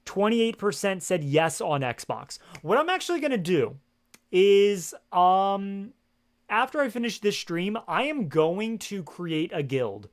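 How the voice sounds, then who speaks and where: A male game streamer with a fairly high voice talks loosely into his headset mic. He wanders from point to point, packs his sentences with fillers, and swears often as he chats. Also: sing-song, takes it slowly. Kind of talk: casual livestream chat. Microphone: gaming headset.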